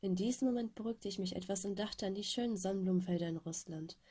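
A woman reading a first-person story aloud in a subdued, weary tone, her voice slightly husky from a cold. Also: quick pace, mellow. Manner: subdued, weary low-key telling. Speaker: audiobook reader. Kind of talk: first-person fanfiction narration.

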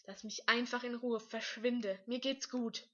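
A woman voicing a distraught, tearful teenage schoolboy who shouts and pleads. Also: on the high side, fairly even intonation, unhurried, lo-fi sound. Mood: angry shouting.

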